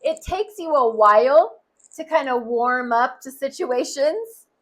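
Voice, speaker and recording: A woman's voice: high-pitched, animated, unhurried, fairly bright tone. A woman giving a tarot card reading, speaking earnestly and straight to the listener. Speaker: tarot reader.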